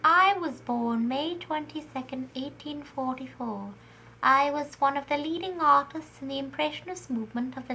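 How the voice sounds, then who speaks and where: A young adult woman reads a short biography aloud in the first person, as if she were the artist. Her voice sits high and sounds bright. Faint room ambience hangs behind her. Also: a little hiss or hum, low-quality recording. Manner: reads in character as a historical artist. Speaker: student presenter.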